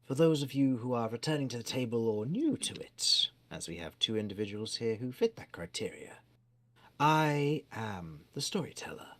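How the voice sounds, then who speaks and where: A man running a tabletop game as storyteller, narrating theatrically and sometimes dropping to hushed tones. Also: medium pitch, big pitch swings, normal speed. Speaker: game master.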